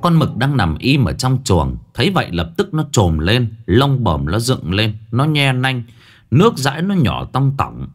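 A man's voice: medium pitch, huge pitch swings, a little slow. A man narrating a ghost story in a vivid, colloquial way.

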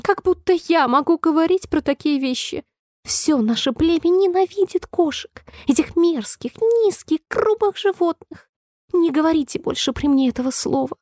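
A woman voicing a small, frightened, touchy female mouse in a storybook reading, with a shrill, squeaky, indignant voice. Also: normal speed, dark tone, dry recording, clean studio sound, lightly acted. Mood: outraged.

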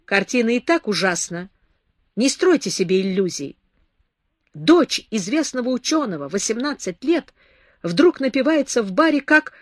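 A woman reading a stern, sarcastic man who lectures a drunk young woman, with a loud, raised delivery. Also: fairly high pitch, big pitch swings, normal speed, no echo, clean studio sound, pitched above the performer's own voice. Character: stern scornful man scolding a drunk girl.

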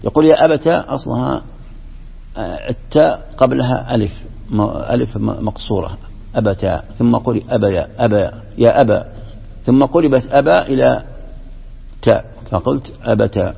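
A sheikh teaches Quran commentary in a classroom lesson on scripture and grammar, explaining step by step and posing questions to students. His rough, husky voice is mid-range, at a moderate pace with frequent pauses. The recording is dull and lo-fi, with long hall reverb.

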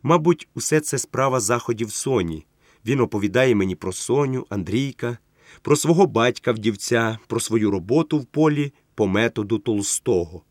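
Measured male audiobook narrator. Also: medium pitch, lively intonation, darkish tone, no echo, studio quality. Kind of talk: literary first-person narration.

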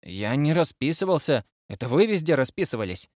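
A man's voice: fairly high pitch, very animated, fairly quick, a little mellow, no room sound, clean studio sound. A man voicing an evasive male ship radio operator in a raised, defensive voice.

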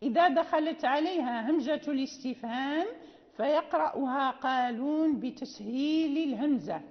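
High-voiced woman teaching recitation rules. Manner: explanatory, repeats terms and slowly recites example verses. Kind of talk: classroom lecture on recitation rules. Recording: dull, reverberant lecture recording.

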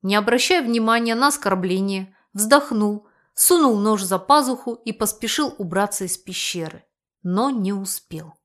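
A woman reading a fantasy audiobook with lively storytelling. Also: mid-range voice, normal speed, few pauses. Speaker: audiobook narrator. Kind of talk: scripted fantasy narration.

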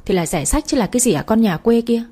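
Woman doing a shrill, spiteful young wife. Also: lively intonation, quick pace, mellow, breathy edge. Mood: furious. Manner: scolding, screeching insults.

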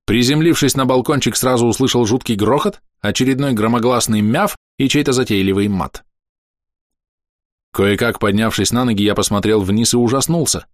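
A man narrating a first-person fantasy audiobook with an expressive, lively reading. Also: mid-range voice, moderate pace, no room sound, studio quality.

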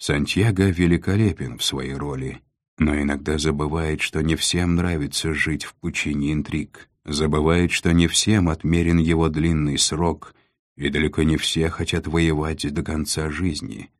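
A man voicing a calm, commanding male lord of darkness who speaks in a weighty, unhurried way. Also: very deep voice, no room sound, clean studio sound.

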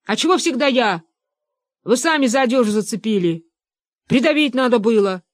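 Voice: medium pitch, normal speed, dry recording, close to an everyday voice. A simple young man, as a reader plays him, grumbling back in a plain everyday voice, recorded dry and close. A sulky storybook lad. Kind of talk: audiobook narration.

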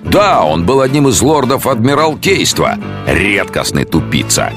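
A man's voice: fairly low pitch, very animated, unhurried, over music, pitched above the performer's own voice. A man voicing the boisterous, mocking ghost of an old sea commodore in an audiobook. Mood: jovial. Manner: loud, jovial, mocking.

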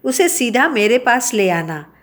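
A woman voicing a kind, gracious male king in a children's story, speaking gently and reassuringly. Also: on the high side, very animated, a little slow. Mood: kindly.

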